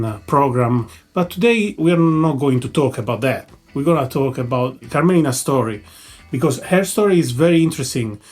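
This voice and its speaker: A man's voice: medium pitch, darkish tone. A man hosting a podcast interview, speaking in a friendly way that halts and restarts often. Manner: friendly, halting, frequent restarts and fillers. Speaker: podcast host.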